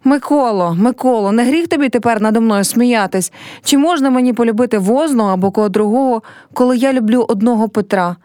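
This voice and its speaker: A woman's voice: fairly high pitch, brisk, dark tone, dry recording, clean studio sound, natural voice. A woman reading a play aloud and voicing a young village girl who is heartbroken and proud, speaking in a pleading, reproachful way. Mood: sorrowful.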